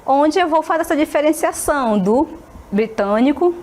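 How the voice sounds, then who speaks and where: A woman teacher with a fairly high voice gives a televised English lesson. She talks in a friendly way, keeps checking in with her students, and slows down to model each phrase carefully. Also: expressive, darkish tone. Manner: friendly, checks in constantly with short tags.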